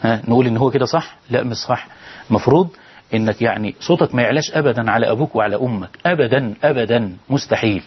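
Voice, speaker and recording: A man's voice: medium pitch, quick pace, slightly rough, muffled recording. A man with an Egyptian accent preaching on a televised call-in show, pleading and firing rhetorical questions at his listeners. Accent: Egyptian Arabic. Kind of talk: televised sermon with callers.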